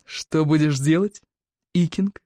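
A woman voicing a boastful, sneering Viking boy who jeers in slow, drawn-out taunts. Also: deep voice, dark tone, no echo, clean studio sound.

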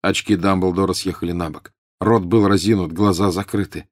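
Low-voiced male audiobook narrator. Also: steady tone, moderate pace, no room sound, studio quality. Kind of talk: scripted narration.

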